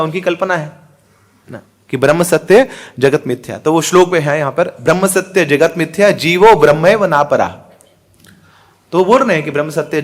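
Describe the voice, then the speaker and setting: A man's voice: fairly high pitch, fairly bright tone. A middle-aged man giving a spiritual discourse, asking rhetorical questions, chanting verses and mixing in English words. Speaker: spiritual teacher. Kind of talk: Hindi religious discourse.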